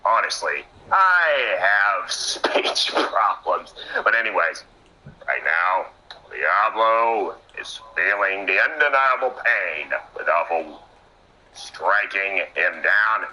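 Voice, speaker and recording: Excitable male wrestling commentator, bright-voiced. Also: sits low, slow, rough recording. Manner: excitable, trips over words and laughs at himself.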